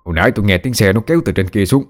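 A man's voice: on the low side, soft background music, close to an everyday voice. A man voicing an exasperated village father who scolds his son, in a read-aloud ghost story. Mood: scolding. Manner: scolding, brisk.

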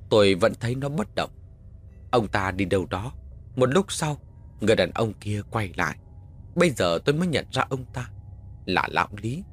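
A man narrating a horror story in the first person with dramatic, expressive delivery. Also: on the low side, husky.

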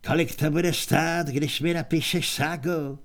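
A man voicing an old barbarian hero who speaks gruffly, calmly and plainly. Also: a little high, lightly acted. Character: old barbarian hero, blunt, calm and pragmatic.

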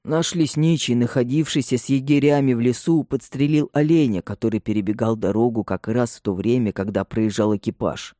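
Серьёзный управляющий имением почтительно и приглушённо рассказывает о несчастье, его читает мужчина. Голос тёмный и мягкий, запись сухая и близкая. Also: male voice, medium pitch, steady tone, brisk, hardly any pauses, dark tone, no room sound, studio quality, lightly acted. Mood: grave. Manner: subdued, respectful. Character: grave male estate steward bearing bad news.

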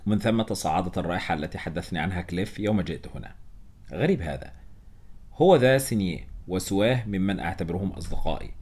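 A man narrating a novel as an audiobook in a steady, measured reading. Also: low voice.

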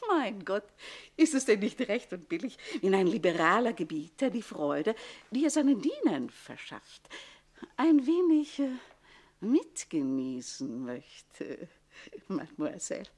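An actress playing a jealous, scheming middle-aged housekeeper in a classic radio play, speaking in a sharp, mocking, sly manner with a husky voice. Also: female voice, medium pitch, big pitch swings, moderate pace.

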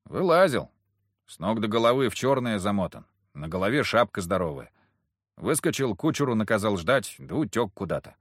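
Brief: man playing bossy street-kid leader, blunt and husky. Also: on the low side, sing-song, normal speed, dry recording, studio quality. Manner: blunt, rough street talk. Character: streetwise boy gang leader, gruff and bossy.

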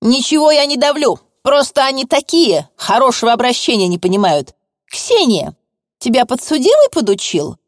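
A woman voicing a stern older female court assessor who bullies a witness in a shrill, pushy tone. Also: big pitch swings, moderate pace, no room sound, clean studio sound. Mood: bullying. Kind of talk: audiobook reading.

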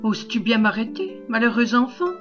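A woman reading the part of a mysterious fairy with a soft, sad voice in a storybook reading. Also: lively intonation, fairly quick, dull audio, music in the background, close to an everyday voice. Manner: soft, sad voice, sometimes made deeper.

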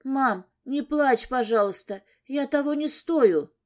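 A woman's voice: high-pitched, animated, slow, pitched above the performer's own voice. A woman voicing a guilty, tearful, impulsive teenage daughter who pleads for forgiveness in an audiobook story. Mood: pleading, tearful.

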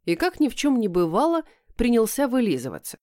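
A woman reading a first-person story aloud in an even storytelling voice. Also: on the high side, brisk, no room sound, studio quality. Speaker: audiobook narrator.

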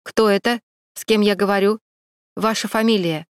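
A woman reading a stern male officer described as having a muffled, hoarse bass voice. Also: steady tone, moderate pace, no echo, clean studio sound, lightly acted. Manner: stern, demanding. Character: investigator's boss, man with muffled hoarse bass.

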